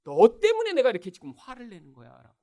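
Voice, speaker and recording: A man's voice: extremely high pitch, huge pitch swings, fast talker, darkish tone, voice pushed up, full character voice. A man voicing an angry king who scolds his son and blames him for his own rage. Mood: accusing. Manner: accusing, self-justifying.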